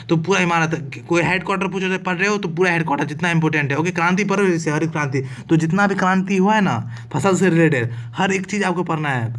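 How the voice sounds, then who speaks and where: Teaching online exam prep, a man with a high, slightly bright voice talks in a relaxed, chatty way, repeatedly asking "clear?" to check that students follow. A little hiss or hum can be heard.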